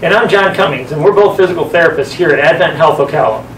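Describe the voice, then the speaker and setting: A man's voice: on the high side, quick pace, a bit bright. A middle-aged man, a physical therapist, delivering a scripted introduction to camera. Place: indoors in front of a backdrop. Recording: echoey room, distant mic, faint noise.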